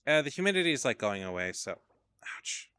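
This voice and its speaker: A man's voice: medium pitch, very animated, fairly quick, sharp tone, smooth, dry recording. A man casually commentating his gameplay on a stream, rambling and swearing, getting tired as he plays. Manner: rambling, profane, drowsy asides. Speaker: game streamer.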